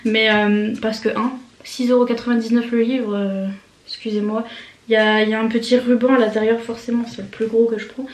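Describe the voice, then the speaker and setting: A woman's voice: on the high side, level tone, fairly quick. Chatty young woman in an echoey room. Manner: chatty, rambling, giggly, many fillers and restarts. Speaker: vlogger. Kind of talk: casual chat to camera. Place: at home at a desk.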